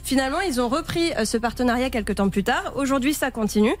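A woman's voice: sits high, expressive, fast talker. A woman giving a consumer-advice column on a live radio show, explaining facts and warning listeners. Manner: explanatory, advising listeners directly. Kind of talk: informative radio segment. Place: radio studio.

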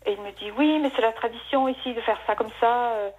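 A woman's voice: a little high, a little fast, darkish tone. A woman calling in to a live radio show, telling a long personal story with many restarts. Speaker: caller. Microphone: telephone. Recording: dull phone line.

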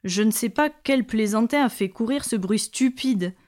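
Woman doing a sardonic croaking crow. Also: a little high, normal speed, a little mellow, close to an everyday voice. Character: cynical, croaking talking crow.

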